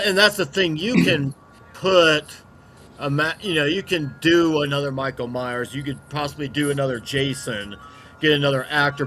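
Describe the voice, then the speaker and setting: Uomo, conduttore di una chiacchierata online, voce un po' alta. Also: male voice, a little high, pushed and bright, a little hiss or hum. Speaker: podcast host. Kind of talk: casual group video chat. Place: at home.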